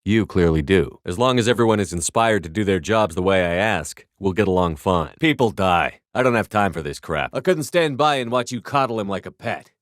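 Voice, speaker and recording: A man's voice: sits low, animated, a little fast, few pauses, no echo. A man voicing a tough, commanding military starship commander in a video game, with a terse, authoritative, dry delivery. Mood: cool, stern.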